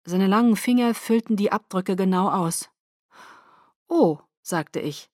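A woman reading a first-person novel aloud as an audiobook narrator, soft and intimate. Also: medium pitch, normal speed, no room sound. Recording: dry close studio sound.

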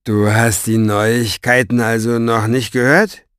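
A man's voice: medium pitch, level tone, a bit bright, clean tone, no echo, clean studio sound, natural voice. A man doing a gloating, velvety-voiced villain. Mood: gloating, mocking. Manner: mocking, drawn-out, theatrical. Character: scheming, vain, gloating man.

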